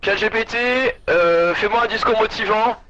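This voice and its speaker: A man's voice: high-pitched, moderate pace, bright, forceful tone, dull audio. A man putting on a crude chatbot assistant with a mock Russian accent, as a joking stream impression. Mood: mock-solemn. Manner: crude, gleeful, mock-solemn.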